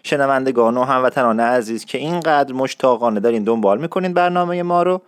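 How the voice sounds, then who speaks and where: A man hosts a jokey podcast with a mock-serious lecturing manner, speaking at an ordinary mid pitch. His voice is recorded close and dry, with no room sound around it. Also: clear, resonant tone, dry recording. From Isfahan, Iran. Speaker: podcast host. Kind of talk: humorous podcast monologue.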